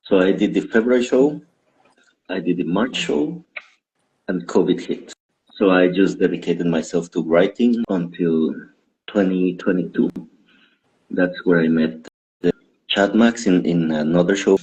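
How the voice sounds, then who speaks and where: This deep, darkish voice belongs to a stand-up comedian from Guatemala appearing as an interview guest. He speaks at a measured pace with frequent pauses, rambling and laughing at his own expense, on a low-quality recording.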